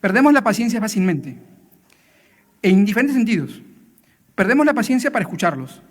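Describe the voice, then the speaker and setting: A man's voice: sits high, sing-song, a little fast, long reverb tail. A man giving a family sermon in a church, talking in a conversational way, often tagging questions and acting out short dialogues. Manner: conversational preaching, frequent tag questions, acts out dialogues. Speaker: church speaker.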